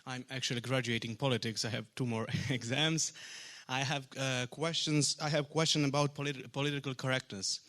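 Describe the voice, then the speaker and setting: A man's voice: mid-range voice, steady tone, fairly quick, fairly bright tone. A young man in his twenties from Serbia, a Serbian-accented student whose first language is Serbian, hesitantly asking a question from the audience. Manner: hesitant, searching for words.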